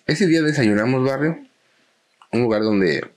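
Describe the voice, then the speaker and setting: Man, podcast host, casual banter, animated pitch, laughs easily. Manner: storytelling banter, quick to laugh. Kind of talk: casual chat.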